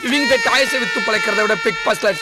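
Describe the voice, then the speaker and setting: An actor playing a loud, grumbling, exasperated toy seller at a festival in a film comedy. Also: male voice, high voice, a little fast, heavy background noise, close to an everyday voice. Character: flustered comic toy seller, man, grumbling. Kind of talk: Tamil film comedy acting. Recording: film audio with loud music.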